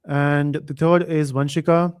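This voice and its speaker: A man hosting a live online quiz, reading chat comments aloud and thinking out loud with fillers. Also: on the high side, flat delivery, measured pace, clean tone. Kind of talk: casual live stream chat.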